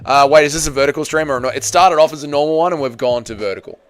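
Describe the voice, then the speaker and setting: Faint music plays behind a man in his thirties racing through a casual livestream, his clean-toned voice on the high side. He talks MMA, reads out comments from viewers he calls "boys," and keeps repeating himself amid crude, blokey jokes.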